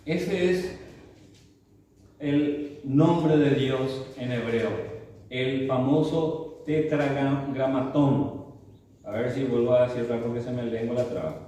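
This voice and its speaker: Slow-speaking man teaching in an echoey church hall. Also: medium pitch, warm tone. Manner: slow, explanatory, often adds tag questions. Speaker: Bible teacher. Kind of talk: church Bible class. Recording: distant mic in very echoey hall, faint room noise.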